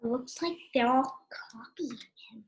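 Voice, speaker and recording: High voiced woman reading a kids book out loud, slow and gentle with little asides. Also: creaky, low-quality recording. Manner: gentle, with asides and questions to the listener. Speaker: storyteller. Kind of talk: reading a picture book aloud.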